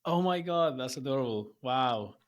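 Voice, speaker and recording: A man at a mid-range pitch hosts a relaxed podcast conversation. He is openly enthusiastic, quick to exclaim over what he hears. He often pauses on fillers and restarts his phrases as he goes. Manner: effusive, quick to exclaim wow and gosh; hesitant with fillers and restarts in long intros. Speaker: podcast host. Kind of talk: casual interview chat.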